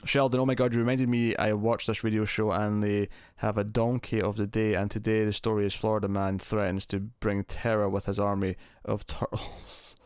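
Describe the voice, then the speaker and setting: A man with a fairly low voice hosts a casual live stream. He rambles easily as he answers viewers and thinks aloud. The sound is close and very dry, heavily compressed so that his level stays constant. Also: level tone, moderate pace, hardly any pauses, clear, resonant tone, no room sound. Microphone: close streaming mic with compressor.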